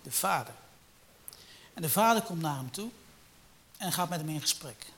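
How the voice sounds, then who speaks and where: A man preaching a sermon, swinging from loud emphatic peaks to low, quiet storytelling. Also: lively intonation, a little fast, a little hiss or hum.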